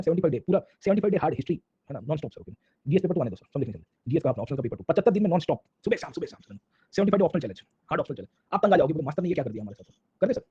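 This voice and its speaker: A man's voice: on the high side, dark tone, husky, no room sound. A man teaching a casual online history lecture in speech, constantly checking in with "sir, samjhe?". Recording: dull lo-fi sound.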